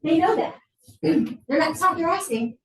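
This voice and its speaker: A woman presenting a faculty training talk, lively and acting out what students say, recorded in a college meeting room. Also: very high voice, moderate pace. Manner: lively, acts out student quotes. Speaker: workshop presenter. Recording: roomy hall, far from mic.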